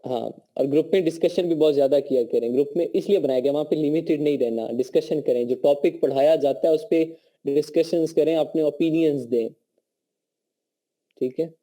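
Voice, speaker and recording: A man's voice: on the high side, fairly quick, warm tone. A man with a Pakistani accent and a sore throat, teaching a live online course over a call and checking in with his students often. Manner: conversational teaching, frequent check-ins. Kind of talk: live online class lecture.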